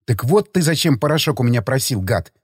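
A man's voice: mid-range voice, big pitch swings, a little fast, husky, no echo, studio quality. A man voicing an angry scolding woman, a nurse, in an audiobook, hissing and lecturing.

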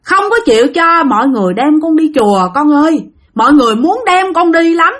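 A woman's voice: high voice, animated, a little fast, fairly bright tone, pitched above the performer's own voice. A woman playing a grieving mother who speaks tenderly to her dead nephew. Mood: lamenting. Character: grieving middle-aged mother, pleading softly.

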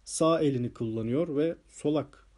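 A man voicing a thoughtful male detective who reasons aloud in a measured, musing way, in an audiobook reading. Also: fairly high pitch, a little mellow, natural voice.

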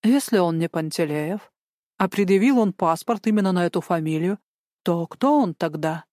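A woman's voice: lowish voice, expressive, normal speed, darkish tone, dry recording, studio quality, lightly acted. Woman doing a wary young police captain. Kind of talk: audiobook character voice.

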